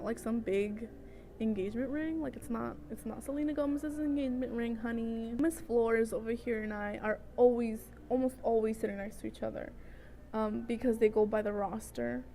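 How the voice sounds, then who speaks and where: A woman in her twenties from El Salvador, speaking at normal speed with a high-side, creaky, warm voice and fairly even intonation, tells a personal vlog story. She chats casually, strays into tangents, and often checks in with the listener, and the homemade audio is noticeably noisy.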